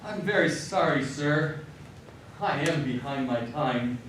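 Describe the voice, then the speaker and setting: A man's voice: on the high side, expressive, takes it slowly, fairly bright tone. A man playing a meek, deferential clerk who speaks apologetically in a live radio drama. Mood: apologetic, nervous. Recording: distant echoey stage, faint noise.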